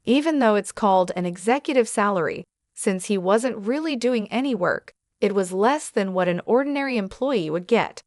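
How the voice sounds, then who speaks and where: A woman telling a first-person revenge story in steady scripted narration. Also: medium pitch, normal speed, hardly any pauses, dry recording, clean studio sound.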